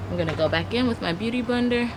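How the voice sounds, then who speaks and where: Speaking quickly in a fairly high voice, this young woman is a beauty vlogger giving a casual, chatty makeup tutorial to camera, explaining each step as she applies it. The setting is an outdoor backyard garden full of leaves, with noisy ambience and traffic humming behind her.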